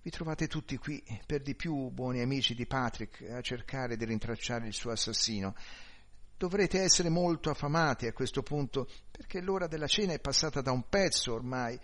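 A man voicing a grieving young housewife who speaks gently and pleads politely. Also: medium pitch, normal speed, close to an everyday voice. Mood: gracious.

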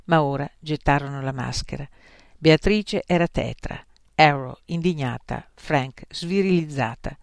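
An audiobook narrator reading a story in a measured storytelling manner. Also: mid-range voice, creaky, no echo, studio quality. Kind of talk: scripted narration.

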